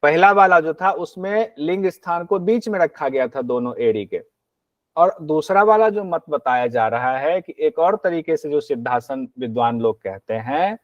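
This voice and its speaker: Man, yoga teacher, exam-prep lecture, slow verse recitation, plain explanations, a little high voice, dry small room. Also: no echo, muffled recording. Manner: slow measured Sanskrit recitation, then explains in plain talk; asks and answers his own questions.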